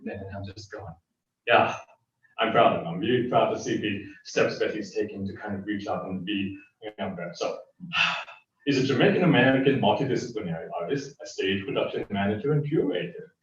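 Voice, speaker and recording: A man introduces the next poet from the stage, his voice a little low. He speaks haltingly and restarts his sentences often. The room is very echoey and the mic sits far off. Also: dull audio. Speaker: guest host introducing a poet. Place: live poetry event venue.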